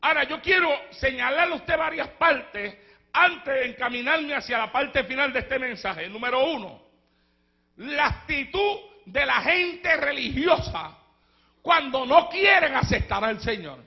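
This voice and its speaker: A man preaches a fiery sermon in a strikingly high, gravelly voice. He swings from shouted declarations to hushed storytelling and breaks into speaking in tongues. The recording sounds dull and lo-fi. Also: expressive, unhurried. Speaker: pastor. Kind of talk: Pentecostal sermon.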